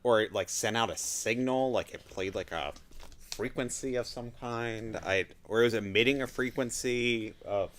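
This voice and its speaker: Male co-host with a sharp, bright tone who throws in jokey theories during a casual chat. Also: medium pitch, normal speed, slight background noise. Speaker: podcast co-host.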